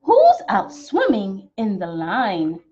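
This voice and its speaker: A young woman from Texas reads a picture book aloud to small children, her warm, medium-pitched voice swooping wildly as she goes slowly through the story in a theatrical, sing-song style. She's a children's storytime teacher working from a small decorated room at home, and the webcam audio sounds dull and slightly muffled.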